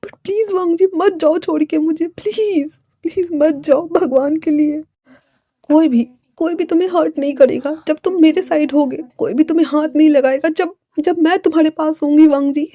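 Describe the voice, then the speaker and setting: A woman voicing a desperate young woman who cries and begs her lover to stay, her pitch pushed high and tearful. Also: steady tone, moderate pace, mellow, no room sound, dull audio. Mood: weeping. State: crying.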